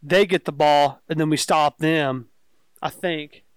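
Laid-back young man, smooth dry voice. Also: on the high side, steady tone, measured pace, dry recording. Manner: laid-back, jokey, rambling storyteller. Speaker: podcast co-host. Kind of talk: casual sports chat.

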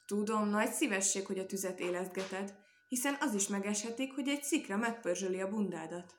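A woman voicing a kindly, gracious hostess who has a polite, flattering word for everyone, in an echoey room. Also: mid-range voice, a little hiss or hum, lightly acted.

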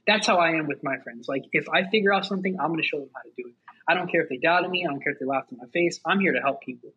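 A man talking as a podcast guest, energetic and quick to get hyped, leaning hard on "like" as he gives motivational advice in casual chat. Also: a little high, slight background noise. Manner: energetic, fast, heavy use of "like". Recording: dull lo-fi sound.

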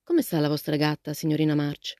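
A woman voicing a shy, courteous teenage boy in a storybook reading, speaking politely and softly. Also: low voice, level tone, a little fast, no room sound, studio quality, lightly acted.

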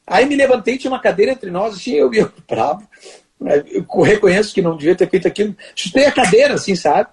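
A man's voice: high voice, animated, quick pace, darkish tone, husky. An older man, telling stories in an interview with many restarts and fillers. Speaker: guest. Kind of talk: conversational storytelling interview.

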